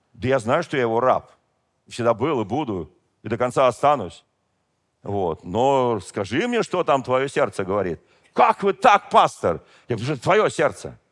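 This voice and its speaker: Animated man preaching a lively sermon. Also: mid-range voice. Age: middle-aged. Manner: animated, emphatic preaching with sudden drops to quiet asides. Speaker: pastor and bishop. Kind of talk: Pentecostal sermon.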